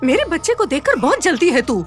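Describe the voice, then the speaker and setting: A woman's voice: very high-pitched, very animated, fast talker, faint music behind. An actress playing a cruel stepmother who scolds harshly but dotes on her own son. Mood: furious. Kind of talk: Hindi TV serial acting.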